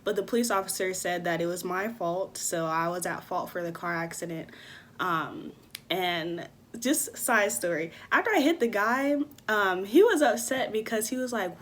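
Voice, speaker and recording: A woman in her twenties telling a personal story on her own channel, casual and lively, acting out the people she quotes. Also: medium pitch. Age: 20s. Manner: animated, acts out quoted people. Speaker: vlogger. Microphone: phone camera.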